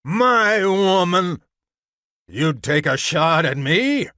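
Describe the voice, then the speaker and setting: A man's voice: sits high, big pitch swings, extremely slow, bright, forceful tone, dry recording, studio quality, voice pushed up, exaggerated voice. A man reading aloud and voicing a large, ugly bully in a crime story who growls out his demands. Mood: angry.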